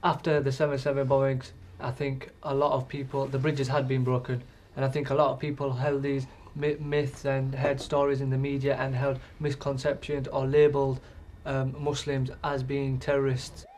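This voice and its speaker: A man's voice: mid-range voice, monotone, moderate pace, darkish tone, a little hiss or hum. A man in his twenties with a Hull accent, giving earnest interview answers and searching for words. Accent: Hull English. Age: 20s.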